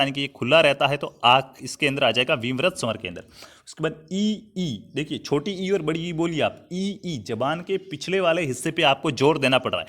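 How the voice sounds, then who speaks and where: Teaching Hindi grammar online, a man from Rajasthan, India, writes on a digital board while repeating himself and checking in with "thik hai" again and again. "Saathiyon" and "bhai" are how he addresses the class. His voice is a little high and a bit bright.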